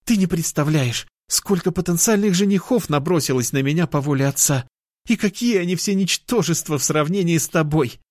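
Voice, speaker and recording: A man's voice: fairly high pitch, fairly quick, a little mellow, dry recording, clean studio sound, voice pushed up, close to an everyday voice. A man voicing a playful, affectionate young cat-girl who teases in a bubbly way, in an audiobook reading. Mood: excited.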